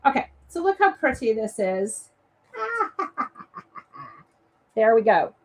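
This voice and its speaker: Her voice high and sing-song at normal speed, a Maine-accented woman from Maine, USA, runs a live papercraft demo. She chats to her viewers throughout as she works on her crafts.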